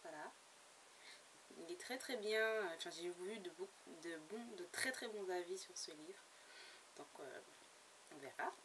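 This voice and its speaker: A book blogger chats casually in a book haul vlog about books she bought, hesitant and full of fillers and restarts. Her voice is lowish and a bit bright, a little slow, with long pauses. The mic is slightly distant, with faint background noise.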